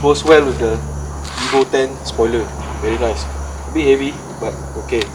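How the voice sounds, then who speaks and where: A man's voice: medium pitch, moderate pace. A man with a Singaporean accent talking casual Singlish with lah and ah particles, like a host of an amateur car review. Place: outdoors at night. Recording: noisy outdoor sound, distant mic, insects and traffic.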